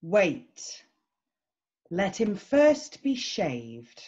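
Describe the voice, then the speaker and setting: A woman's voice: mid-range voice, sing-song, very slow, a little mellow, highs cut off. A woman playing a cruel, imperious witch who gloats and savours each phrase in a screenplay read-through. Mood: commanding.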